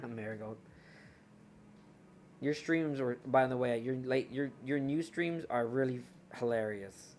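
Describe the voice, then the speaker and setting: A man's voice: mid-range voice, takes it slowly, darkish tone, a little hiss or hum. A young man streaming live, chatting casually and rambling to his viewers while he looks through his cards. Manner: rambling, chatty, talks to chat while browsing.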